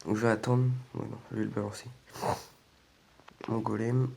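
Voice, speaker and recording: A man's voice: lowish voice, level tone, normal speed, a little mellow, slight background noise. A man casually commentating on a video game, his voice weak and congested from a sore throat. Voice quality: slightly croaky, strained by sore throat. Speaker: gaming video host.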